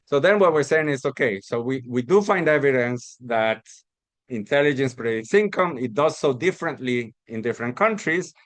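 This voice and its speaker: A man's voice: mid-range voice, animated, moderate pace, dry recording. A man from Costa Rica giving an academic research talk, explaining step by step with many restarts and repeated words. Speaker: academic presenter.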